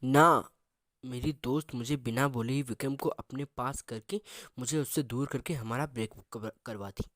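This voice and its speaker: Sweety, a man doing a quiet lovelorn young woman. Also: medium pitch, moderate pace, no echo, studio quality, close to an everyday voice. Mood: wistful.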